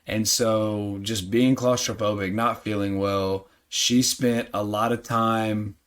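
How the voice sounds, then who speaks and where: A man's voice: lowish voice, fairly even intonation, takes it slowly, fairly bright tone. A man co-hosting a podcast with his wife, telling a story casually and teasing her dryly. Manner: dry teasing, easygoing storyteller. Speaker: podcast co-host. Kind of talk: casual chat.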